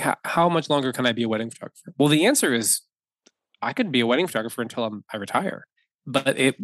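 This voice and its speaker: This man in his thirties, a wedding photographer, is a podcast guest in a casual conversation, rambling through fillers and restarts and laughing readily. He has a mid-range voice, and the recording has no echo.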